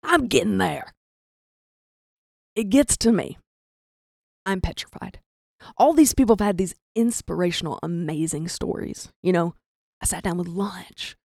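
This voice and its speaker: A woman's voice: fairly low pitch, measured pace, vocal fry, pauses often, dark tone, no room sound, studio quality. A young woman, telling a comic story in a self-deprecating way and acting out the voices of the people in it. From rural American South. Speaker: comedian storyteller. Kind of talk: comedic storytelling.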